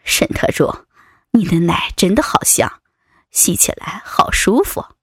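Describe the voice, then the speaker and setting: A lecherous male vice president with a low, sliding voice and a mocking, teasing tone, as a woman puts him on. He sounds husky and breathy, and the sound is dry and close. It comes from an adult audio story. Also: expressive, a little slow, no echo, whispered, heavily acted. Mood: leering. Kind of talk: erotic audio story reading.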